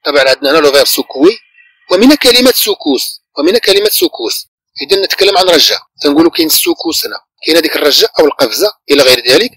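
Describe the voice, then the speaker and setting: A husky-voiced man with a Moroccan Arabic accent works through a French reading lesson. His pitch rises and falls widely as he repeats phrases slowly and translates them line by line. The sound is dry and close, with no room echo. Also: wildly swooping pitch, a bit bright. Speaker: teacher.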